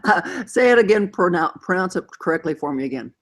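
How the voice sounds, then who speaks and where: A woman's voice: lowish voice, expressive, fairly quick. A woman hosting a casual chat show, playful and teasing, laughing often between remarks. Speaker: host.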